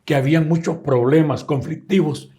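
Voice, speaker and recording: A man's voice: a little high, normal speed. An older man from El Salvador with a Salvadoran accent, telling stories in a casual interview. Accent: Salvadoran Spanish. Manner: lively storyteller who acts out the people he quotes. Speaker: guest musician.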